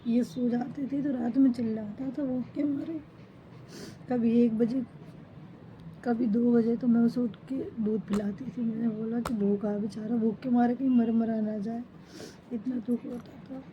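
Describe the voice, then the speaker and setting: A middle-aged mother mourns a pet in a personal account, her talk broken into short, halting phrases. Her voice sits a little high. The home recording sounds slightly dull, with a faint hiss underneath. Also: fairly even intonation. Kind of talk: emotional personal account to camera.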